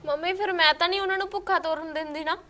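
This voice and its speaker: A woman acting as a young daughter-in-law, put-upon and pleading, with a high voice. She defends herself against her mother-in-law's taunts in a short-film drama. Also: steady tone, rapid-fire, sharp tone, a little hiss or hum.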